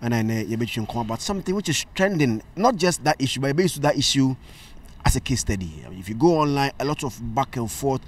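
A Ghanaian man hosting a casual podcast, talking quickly and mixing English with local speech. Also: medium pitch, animated, recorded from a distance. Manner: fast, switching between English and local language. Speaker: podcast host. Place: studio room in Hamburg.

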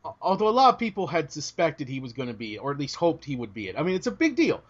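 Animated British man, slightly hoarse. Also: fairly high pitch, fast talker. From Britain. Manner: animated, joking, self-interrupting. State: starting to lose his voice. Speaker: podcast co-host. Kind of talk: casual chat. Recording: dull lo-fi audio.

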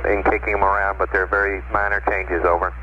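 A man's voice: low-pitched, little pitch movement, fast. A man working as a mission-control communicator, speaking matter-of-fact procedural radio talk over a transmission. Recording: noisy, narrow-band archival space radio link. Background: loud radio static and noise.

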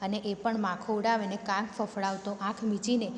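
A woman's voice: medium pitch, flat delivery, moderate pace. A woman teacher with a Gujarati accent reads a story lesson aloud, then retells each line in simpler words. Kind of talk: reading and explaining a story lesson. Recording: echoey room with faint noise.

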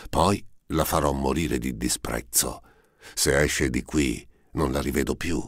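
A man voicing a proud, vindictive prince who is quick to rage, in a haughty, scheming tone that bursts into shouting, read for an audiobook. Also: extremely low pitch, dry recording, studio quality, full character voice. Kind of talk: audiobook character reading.

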